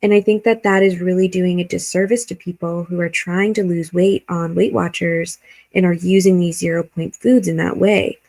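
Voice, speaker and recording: A woman's voice: fairly low pitch, steady tone, moderate pace, vocal fry, darkish tone. A woman hosting a reaction video, giving blunt, critical commentary and swearing freely.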